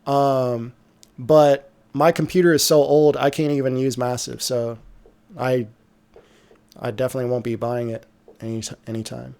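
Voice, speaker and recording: A man hosting a casual livestream, answering viewer questions about music software in a relaxed way, trailing off with fillers. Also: mid-range voice, moderate pace, vocal fry, smooth. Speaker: music producer streamer.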